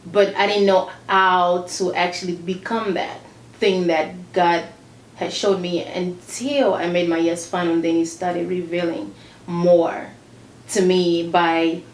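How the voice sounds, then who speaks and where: An earnest woman from Congo DR, raised in Zambia, speaks as a gospel singer in a casual interview, with a slightly low voice. She repeats herself and laughs often. The room is echoey, with a faint noise underneath. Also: fairly even intonation, measured pace.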